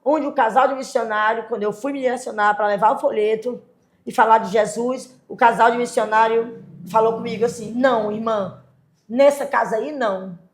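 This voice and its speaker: A woman, her voice pitched a little high, tells her testimony loudly and with animation. She keeps checking that her listener is following. The room around her rings with a noticeable echo. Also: steady tone, a little fast. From Fortaleza, Brazil. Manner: loud voice, keeps checking in with "certo?". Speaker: guest, evangelical clothing seller.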